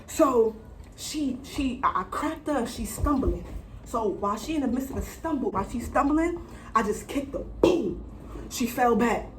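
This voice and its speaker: Speaking in a slightly high voice with a bit of background noise, a young American woman vlogs a casual storytime full of slang. Dramatic and emphatic, she curses freely and repeats phrases to drive her point home.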